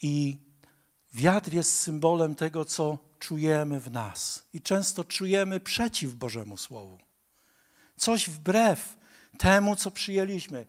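A man preaching a sermon, earnest and direct, rising to emphatic appeals to his listeners. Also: fairly high pitch.

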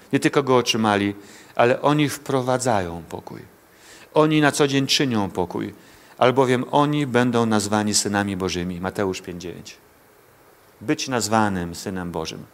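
A male pastor with a lowish voice preaches a sermon to a congregation in church. He addresses listeners directly, pleading and asking rhetorical questions.

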